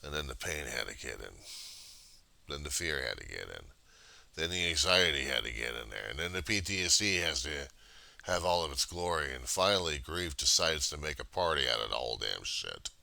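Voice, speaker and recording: A man giving a casual, profane confessional monologue in a halting, raw and emotionally weary way. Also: a bass voice, sing-song, gravelly, pushed and bright, no room sound. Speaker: personal video diarist.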